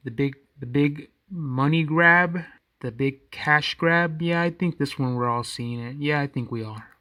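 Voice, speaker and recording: Slow-talking man with a dry close sound. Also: mid-range voice, fairly bright tone, no room sound. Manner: rambling, self-correcting, conversational. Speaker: podcast host. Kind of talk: casual solo commentary.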